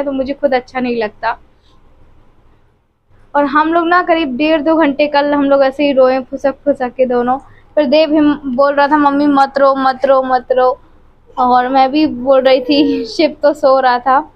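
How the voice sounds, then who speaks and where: A woman family vlogger at home, speaking emotionally and directly to her viewers about her troubles, recorded on a phone camera. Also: high voice. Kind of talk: tearful personal confiding to viewers. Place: at home, by the bed. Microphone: phone camera held close. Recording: dull, lo-fi phone audio.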